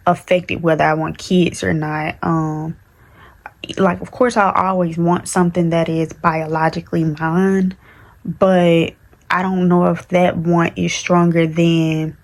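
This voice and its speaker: Young woman in her twenties, casual vlog chat, low voice, flat delivery, candid and rambling. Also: takes it slowly, vocal fry. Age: 20s. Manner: candid, rambling, with many fillers and restarts. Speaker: vlogger.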